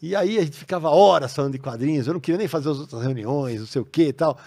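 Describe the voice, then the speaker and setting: A man with a Brazilian Portuguese accent, a podcast guest telling stories in a casual, animated way. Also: a little high, racing. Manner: animated, acts out quoted voices. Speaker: podcast guest, comics writer. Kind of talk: casual storytelling. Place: podcast studio.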